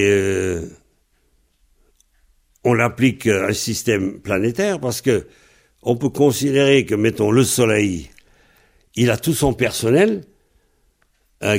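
A man teaching a language lesson, patiently repeating words and phrases slowly so they can be pronounced. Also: lowish voice, gravelly, a little mellow.

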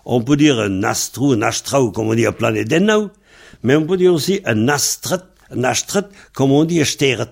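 A man's voice: mid-range voice, animated, moderate pace, creaky. A man teaching a Breton language lesson in French, patiently spelling words out letter by letter.

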